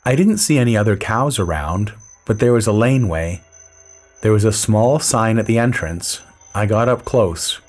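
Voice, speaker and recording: A man with a fairly low voice reads a first-person story. His delivery is dry, measured and low-key, in the even manner of scripted storytelling. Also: faint music behind. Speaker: narrator.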